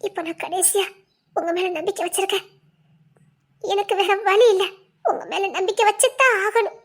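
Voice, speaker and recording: A woman voicing a gentle, forgiving young wife in an audio drama, soothing and teasing, with a Tirunelveli Tamil accent. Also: very high voice, normal speed. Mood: tender.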